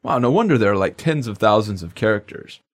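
A man's voice: on the low side, expressive, fast talker. A man co-hosting a language lesson podcast in upbeat, jokey scripted banter.

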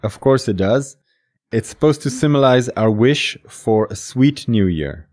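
A man's voice: mid-range voice, animated, measured pace, a little mellow. A man co-hosting a scripted podcast, explaining traditions with a light, joking manner. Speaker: podcast co-host. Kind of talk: scripted educational podcast dialogue.

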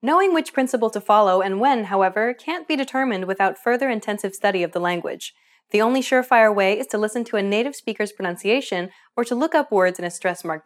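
A woman hosting a pronunciation course, narrating a scripted lesson in a clear, explanatory teacher's manner. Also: medium pitch. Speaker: language course host.

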